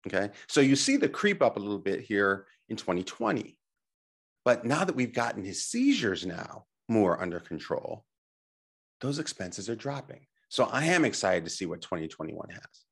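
A husky-voiced middle-aged man teaches in a motivational presentation. His pitch moves up and down a lot as he stresses his points. He coaches the listener directly, with rhetorical questions and quick check-ins. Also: big pitch swings. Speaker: presenter and teacher on health technology.

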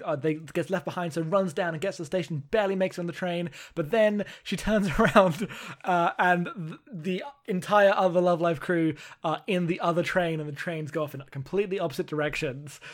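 Chatty man with a higher voice. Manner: rambling, amused, many fillers. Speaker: podcast co-host. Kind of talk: casual chat recapping an anime movie.

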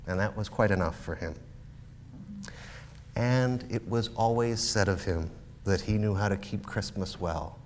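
A man reads a classic tale aloud in a low voice that moves a great deal in pitch. His storytelling is animated and expressive, with a dramatic sense of pacing. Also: slight background noise.

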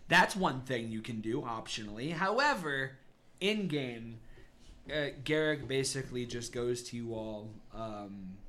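A man's voice: mid-range voice, expressive, unhurried, sharp tone. A man narrating a tabletop game as game master, laid-back, swearing and laughing often.

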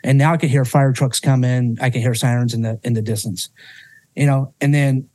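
A man's voice: medium pitch, fairly even intonation, brisk, darkish tone, no room sound. A man guest on a podcast telling a personal story with emotion, swearing freely and restarting his sentences often.

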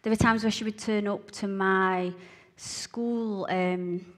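A woman with a broad Glaswegian Scottish accent, telling a personal story to listeners in an earnest, halting way, repeating phrases for emphasis. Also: mid-range voice, steady tone. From Glasgow, Scotland. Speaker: speaker giving a testimony. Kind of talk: personal testimony told to listeners.

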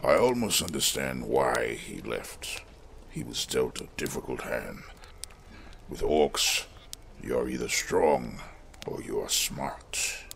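Playing a weathered, solemn smith and former fire preacher in a fantasy audio drama, a male actor speaks in a rumbling low, gravelly voice that stays measured and reflective. His heavily acted, animated performance has a fairly bright tone and an earnest, urging mood. A little hiss or hum can be heard.

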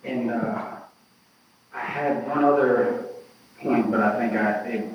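Man, class participant in a church Bible discussion; halting, searching speech full of restarts, heard from a distance in a very echoey room. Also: medium pitch, fairly even intonation, noisy background. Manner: halting, searching, with many restarts, reads scripture aloud.

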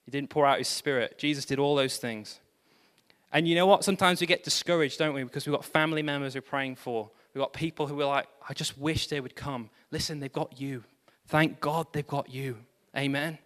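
A man pastor preaching a sermon, animated, with self-deprecating humor and exclamations of praise. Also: fairly high pitch, brisk, long reverb tail.

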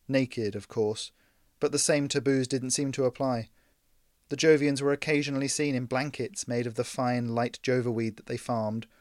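A man's voice: medium pitch, dry recording. Man narrating a story, dry close sound. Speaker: audiobook narrator. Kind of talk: scripted narration.

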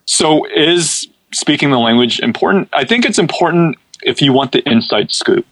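A man who grew up speaking Cantonese chats casually as a podcast guest in an interview, laughing often and repeating words as he starts sentences. His voice is a little high, expressive and fairly bright, at normal speed, on a rough recording with no room sound.

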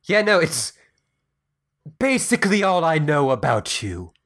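A man playing a sarcastic, grumpy newcomer on a spaceship, with a deadpan delivery. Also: fairly high pitch, unhurried, exaggerated voice. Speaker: improv comedy performer. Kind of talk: improvised comedy podcast.

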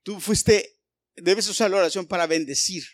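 A male pastor preaching a sermon, animated and full of rhetorical questions aimed at the congregation. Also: high-pitched, moderate pace, no echo, studio quality.

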